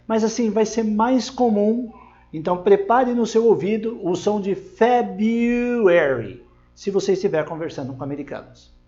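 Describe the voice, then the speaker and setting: A man teaching an online lesson. He explains pronunciation step by step, models English words slowly and keeps checking in with the viewer. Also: high voice, dark tone, highs cut off. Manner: frequent checking tags to the viewer.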